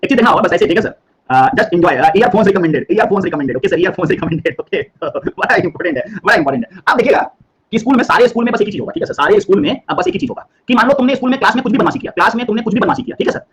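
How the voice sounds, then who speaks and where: A man's voice: high voice, expressive, quick pace, slight background noise. A young man teaching a biology class, playful, repeating every phrase and checking in with his students. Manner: playful, repeats each phrase, constant "ठीक है sir?" tags. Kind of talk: online class lecture mixing Hindi and English.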